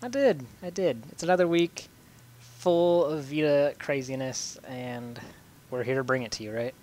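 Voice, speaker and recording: A man's voice: medium pitch, normal speed, a little mellow. A young man hosting a casual gaming podcast, loose and joking, laughing often and trailing off with fillers. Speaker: podcast host.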